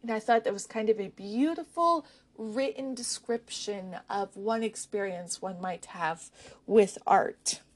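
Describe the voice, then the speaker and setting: A woman vlogger chatting casually about books she has read, pausing often with ums and restarting her thoughts. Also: medium pitch. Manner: hesitant, with frequent ums and restarts. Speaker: book vlogger. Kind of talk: casual book chat.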